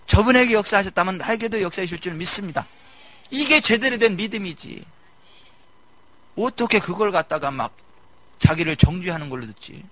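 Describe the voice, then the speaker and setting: A male pastor giving a lively sermon, mimicking people and shouting his emphases. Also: sits high, dry recording. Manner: animated preaching, mimicking congregants, shouting emphases. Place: church sanctuary.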